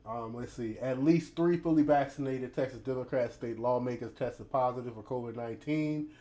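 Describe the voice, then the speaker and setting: A man's voice: medium pitch, moderate pace, dark tone. An American man hosting a laid-back, casual commentary livestream, his speech slightly impeded by a teeth grill. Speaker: host of a news commentary livestream. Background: ambient noise, storm outside.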